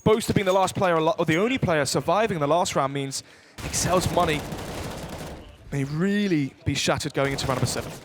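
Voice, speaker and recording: Rapid male esports analyst, gunfire behind. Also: fairly high pitch, noisy background. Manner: tactical, explanatory, heavy game jargon. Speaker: esports caster. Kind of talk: analytical esports match commentary. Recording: gunfire and clicks over the voice. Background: video game gunfire and clicks.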